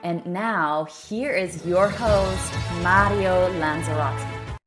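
A woman's voice: lowish voice, takes it slowly. A woman reading a scripted promotional podcast introduction as an announcer, with music behind her. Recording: loud music bed under voice.

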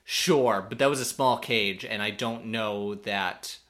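Bright-voiced man co-hosting a recap podcast. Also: on the low side, takes it slowly. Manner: opinionated, recaps events with quoted asides. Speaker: podcast co-host. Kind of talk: casual recap chat.

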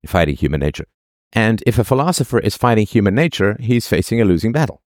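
Deep-voiced man giving an emphatic monologue. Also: big pitch swings, no echo, clean studio sound. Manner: emphatic, repeats key phrases, drawn-out words. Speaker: podcast host. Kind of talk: solo philosophical monologue.

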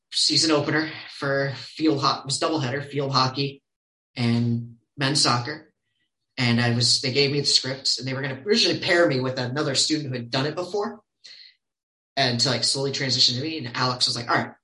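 A man telling stories casually as a podcast guest, animated and quoting others in lively voices. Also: medium pitch, reverberant, poor audio. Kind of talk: casual storytelling.

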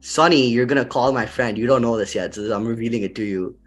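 A young man hosting a podcast in casual chat, laid-back and quick to laugh, with lots of fillers. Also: mid-range voice, faint music behind. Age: young adult. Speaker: podcast host.

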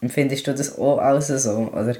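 A young man hosting a podcast, talking calmly and quietly in casual chat. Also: medium pitch, a little fast, slightly rough. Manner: calm, quiet talker, rises when emotional. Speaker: podcast host.

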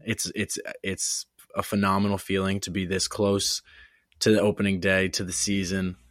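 A man's voice: low voice, flat delivery, normal speed, a bit bright, no echo, studio quality. A man co-hosting a casual sports podcast, teasing his partner and swearing casually. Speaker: podcast co-host.

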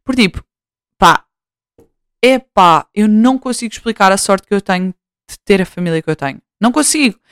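A woman's voice: mid-range voice, expressive, moderate pace, pauses often, smooth, no echo, studio quality. A young woman with a European Portuguese accent, hosting her own show and talking in a loose, slang-filled ramble with lots of fillers and restarts. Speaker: podcast host. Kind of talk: casual rambling monologue.

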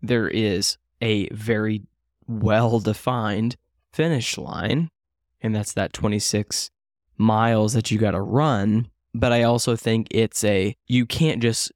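A man in his late twenties co-hosts a casual chat, rambling and poking fun at himself with lots of fillers and restarts. His voice is fairly low, recorded at studio quality without echo.

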